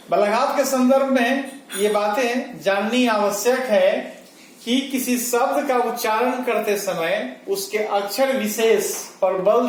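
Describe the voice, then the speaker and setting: A man giving a grammar lesson, explaining step by step and repeating key definitions for his students. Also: high voice. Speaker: Hindi grammar teacher. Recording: echoey room with faint noise.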